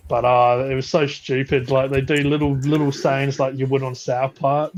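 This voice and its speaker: A man's voice: mid-range voice, level tone, moderate pace, darkish tone, a little hiss or hum. A man chatting casually about films on a live stream, rambling with frequent restarts and laughs. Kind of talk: casual chat.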